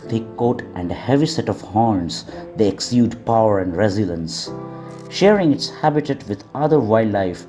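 A man reading scripted nature documentary narration in a measured, formal way. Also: fairly low pitch, warm tone. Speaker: wildlife vlog narrator.

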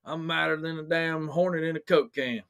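A man's voice: fairly high pitch, fairly even intonation, moderate pace, fairly bright tone, clear, resonant tone. A man voicing Bill, a grumpy Southern good-ol'-boy in a comic ad skit, with a folksy, cussing way of talking. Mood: grumbling. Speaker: ad character. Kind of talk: comic local radio ad skit.

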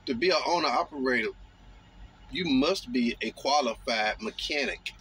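A man talking casually from his parked truck cab, drawling and mocking with slow, emphatic phrases, recorded on a phone on the dashboard. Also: mid-range voice, expressive, bright, forceful tone, slight background noise. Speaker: truck driver vlogger. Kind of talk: casual monologue.

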